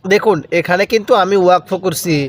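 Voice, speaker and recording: A man teaching Quran recitation step by step, chanting Arabic words slowly and drawn out, then explaining quickly. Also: sits high. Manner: repeats words for the viewer to copy.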